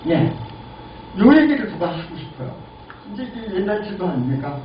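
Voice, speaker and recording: A man in his eighties giving a lively lecture and asking the audience questions. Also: sits high, moderate pace. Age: 80s. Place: lecture room. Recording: lo-fi, echoey, distant, noisy.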